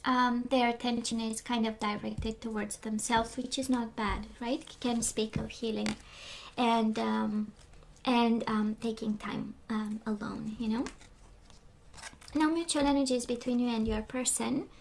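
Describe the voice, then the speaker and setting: A tarot reader, a woman with a fairly high, creaky voice, gives a casual reading at a steady tone and measured pace while losing her voice. She rambles with lots of fillers and sometimes drops to a whisper. A bit of hiss or hum sits in the background.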